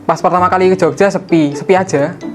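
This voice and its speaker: Seorang pria berusia dua puluhan asal Surabaya, mahasiswa, menjawab wawancara dengan lambat dan apa adanya. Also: male voice, sits high, fairly even intonation, fast, soft background music. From Surabaya, Indonesia. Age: 20s. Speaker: university student. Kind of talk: casual interview answers.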